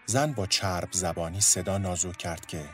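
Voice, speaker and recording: A man narrating a story in a steady, measured storytelling voice. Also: sits low, faint music behind.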